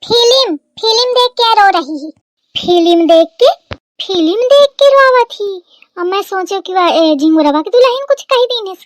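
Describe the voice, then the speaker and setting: A woman's voice: very high voice, animated, normal speed, few pauses, no room sound, studio quality. A woman voicing a nagging older village mother-in-law with a Kanpuri accent, questioning and accusing. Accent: Kanpuri rural Hindi. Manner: accusing, interrogating.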